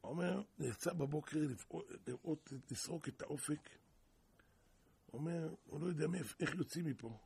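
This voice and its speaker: Gravelly-voiced man preaching in parables. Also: fairly high pitch. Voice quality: gravelly, raspy. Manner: animated storytelling, bursts of loud emphasis. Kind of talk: sermon with parables.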